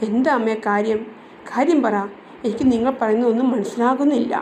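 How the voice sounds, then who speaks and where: A woman's voice: fairly high pitch, brisk, a little mellow, slight background noise, natural voice. A woman reading the part of a frightened young wife who pleads for answers. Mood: pleading.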